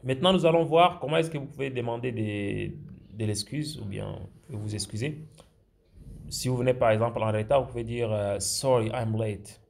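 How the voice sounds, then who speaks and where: A man teaching English phrases in a screen-share lesson, speaking slowly and hesitantly with many fillers, and lifting his voice for the English examples. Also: medium pitch, gravelly.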